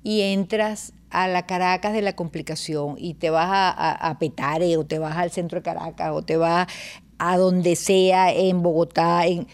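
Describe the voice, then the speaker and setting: A woman's voice: on the low side, fairly even intonation, a little slow, smooth. A woman, a radio host asking thoughtful, conversational questions in an interview.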